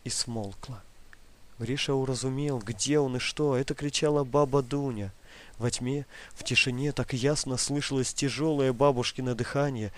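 A man reads literary prose aloud as an audiobook. His voice sits at an ordinary mid pitch, and his delivery is calm, steady and measured. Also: dry recording. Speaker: narrator.

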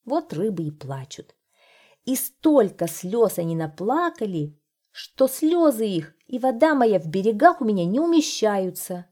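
A troubled lake, as a woman puts it on, fretting and lamenting over its sleepless fish. The voice is mellow and husky, fuller and louder than the narration. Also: medium pitch, big pitch swings, a little slow, pitched above the performer's own voice. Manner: worried, lamenting.

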